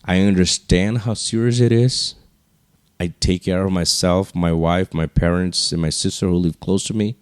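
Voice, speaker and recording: A man hosting a podcast solo, speaking slowly in a low, hushed register with casual, rambling, earnest encouragement. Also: fairly even intonation, clear, resonant tone, no echo, clean studio sound. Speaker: podcast host.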